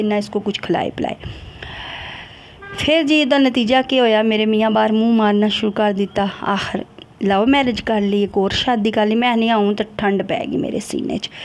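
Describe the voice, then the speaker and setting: Woman vlogger, emotional and confiding, mid-pitched voice. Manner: emotional, confiding, switches between Urdu and Punjabi. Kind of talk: personal vlog talk to viewers.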